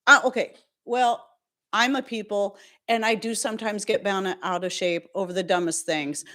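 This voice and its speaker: A woman with a Southern US accent, hosting a live stream in a casual, sassy and emphatic way. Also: on the high side. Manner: sassy and emphatic, laughs often.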